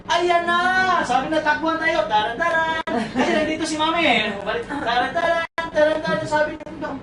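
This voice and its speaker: A man's voice: very high-pitched, a little fast. A man giving a comic motivational talk to an audience at a sales orientation, teasing them and asking questions. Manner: animated storyteller, teasing, asks the crowd questions; mixes in English phrases. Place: seminar room with audience. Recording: echoey room, far from mic, noisy.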